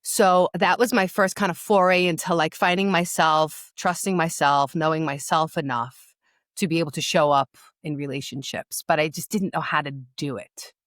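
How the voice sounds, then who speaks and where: Her voice is low and a little bright, with fairly even intonation and a moderate pace, captured as clean, echo-free studio audio. This middle-aged woman from New York, a loss and empowerment coach with a New York accent, shares her personal story on a podcast interview, speaking candidly, emphatically, and doubling up words to stress them.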